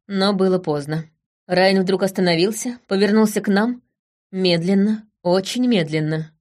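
A woman reading a fantasy novel aloud in the first person, with brisk, tense storytelling. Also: mid-range voice, darkish tone. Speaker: audiobook narrator. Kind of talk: scripted first-person narration.

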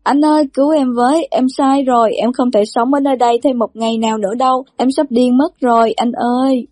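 A woman's voice: fairly high pitch, fairly even intonation, fairly quick, a little mellow, dry recording, clean studio sound, lightly acted. A woman voicing a panicked young man who wails and pleads through tears. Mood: wailing. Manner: wailing, pleading, crying. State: crying.

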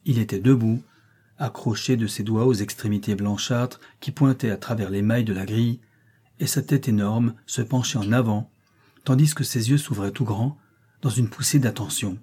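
A man's voice: lowish voice, moderate pace, dark tone, slightly rough. A man reading an adventure novel aloud with dramatic emphasis. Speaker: audiobook narrator.

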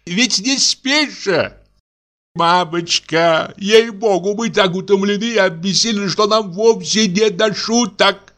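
A man's voice: high voice, unhurried, a bit bright, pitched above the performer's own voice. A man voicing a flustered, tipsy husband. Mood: pleading, irritated. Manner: wheedling, then cursing and exasperated. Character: tipsy, exhausted middle-aged husband, fussy and pleading.

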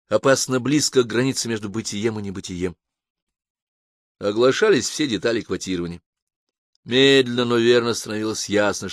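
A man reading an audiobook in a measured, dramatic narration. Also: medium pitch, no room sound, studio quality. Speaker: audiobook reader. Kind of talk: audiobook narration of science fiction.

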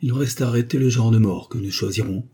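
Male narrator playing an imperious old-novel duchess: commanding, cold, solemn, pitched up. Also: fast, dark tone, slightly rough, close to an everyday voice. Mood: cold, stern. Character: imperious cold-hearted noble duchess, woman. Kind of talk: audiobook character voice.

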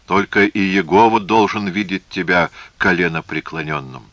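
A man's voice: deep voice, moderate pace, a bit bright, no echo, muffled recording. A man voicing a noble, grave warrior who speaks solemnly and insistently. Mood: firm.

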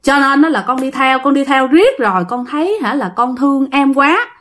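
A woman's voice: sits high, expressive, moderate pace, a bit bright. A woman with a Southern Vietnamese accent voicing a lovesick young male ghost who pleads and insists. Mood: pleading.

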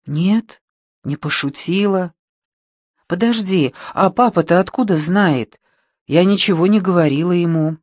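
A man reading the part of an anxious young woman who speaks in a soft, pleading way. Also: high-pitched, a little slow, no room sound, studio quality.

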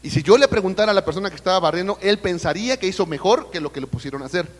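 High-voiced Mexican preacher in a reverberant hall. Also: male voice, expressive, racing. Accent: Mexican Spanish. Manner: addresses listeners as brother, asks the congregation questions. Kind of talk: sermon. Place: church service.

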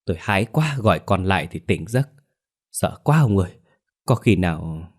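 A man's voice: deep voice, animated, moderate pace. A man voicing a frightened middle-aged mother, crying out about her daughter. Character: frantic middle-aged mother, tearful and shrill.

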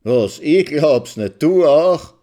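A man reading a story aloud and voicing a rough young man who stutters and drawls in thick Viennese dialect. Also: fairly high pitch, animated, dark tone, voice pushed up. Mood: mocking. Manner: stuttering, drawn-out, mumbled speech.

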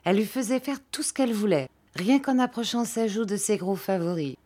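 A woman reading a classic novel aloud as an audiobook narrator, in a clear, measured storytelling manner. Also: mid-range voice, warm tone. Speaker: audiobook reader. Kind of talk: scripted narration.

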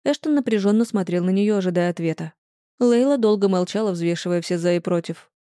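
An audiobook narrator reading a romance story in an even storytelling manner. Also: medium pitch, fast talker, dry recording, clean studio sound. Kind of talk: scripted narration.

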